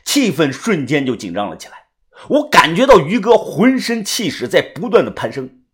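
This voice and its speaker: A man narrating a web-novel audiobook with lively, theatrical storytelling. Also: a little high, moderate pace.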